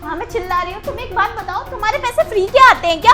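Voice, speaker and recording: A woman acting a sharp-tongued young sister-in-law in a family skit, nagging and repeating herself as she scolds. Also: extremely high pitch, expressive, rapid-fire, music in the background. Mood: defensive. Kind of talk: amateur Hindi web-skit acting.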